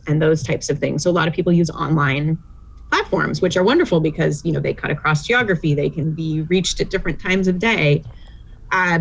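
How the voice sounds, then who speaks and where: A middle-aged woman professor answering interview questions in a measured, thoughtful way with frequent fillers. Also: deep voice, low-quality recording. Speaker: guest expert, professor.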